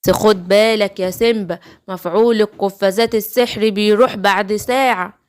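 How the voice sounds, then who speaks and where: A woman with an Egyptian accent voicing a kind, gentle witch who comforts and helps. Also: mid-range voice, fairly even intonation, a little fast, clean tone, close to an everyday voice. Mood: soothing. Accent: Egyptian Arabic. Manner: soothing, explaining.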